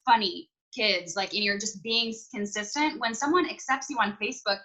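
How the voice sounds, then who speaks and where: A woman's voice: medium pitch, lively intonation, sharp tone, rough recording. A woman on a video call giving chatty, upbeat tips to her team in a casual way. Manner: chatty, upbeat, talks fast with many "like"s and "you guys". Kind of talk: casual motivational team chat.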